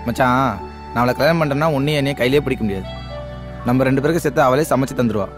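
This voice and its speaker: Actor as a lovesick young man, earnest, quick, low-ish voice, soft music. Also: natural voice. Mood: pleading.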